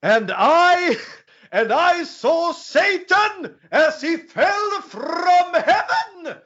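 A man putting on a theatrical male villain warlord, shouting in a high, drawn-out voice. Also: sing-song, highs cut off, exaggerated voice. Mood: grandiose.

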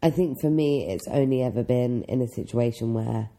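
Very dark, creaky young co-host. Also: mid-range voice, normal speed, rough recording. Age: 20s. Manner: thoughtful, hesitant, searching for words. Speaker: podcast co-host. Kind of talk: casual chat.

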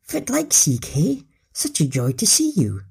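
A man's voice: fairly high pitch, wildly swooping pitch, measured pace, vocal fry, a little mellow, husky, pitched above the performer's own voice, exaggerated voice. A man voicing a huge, polite young male Bigfoot who speaks formally, with a Scottish accent and Doric phrases. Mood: joyful.

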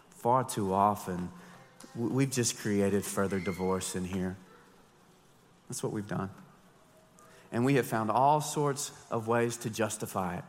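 A man in his thirties, a pastor preaching an animated, joking sermon with emphatic storytelling. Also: on the low side, long reverb tail. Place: church sanctuary.

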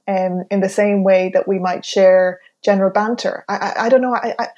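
A woman from County Mayo with a west of Ireland accent, co-hosting a podcast in a reflective, halting, casual way. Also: medium pitch, steady tone, a little mellow, muffled recording. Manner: thoughtful, halting, repeats words as she searches. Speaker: podcast co-host.

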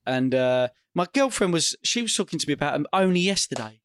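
A man's voice: a little high, expressive, fairly quick, smooth, dry recording. A man with an Essex accent chatting casually as a podcast co-host, with blokey, self-deprecating, matey banter. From Essex, England. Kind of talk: casual comedic chat.

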